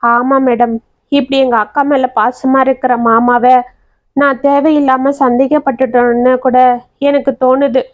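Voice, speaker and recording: A woman's voice: high-pitched, flat delivery, measured pace. A woman voicing a distressed young village woman who speaks in earnest, tearful colloquial talk. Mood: regretful. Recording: dry, slightly dull audio.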